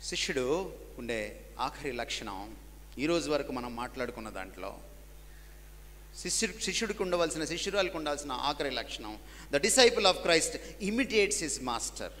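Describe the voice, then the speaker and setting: Man preaching, kinda high voice that jumps all over, drops english lines in, long echo like a big hall. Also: big pitch swings, measured pace. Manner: dramatic swings between loud emphatic peaks and low quiet drops. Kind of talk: sermon.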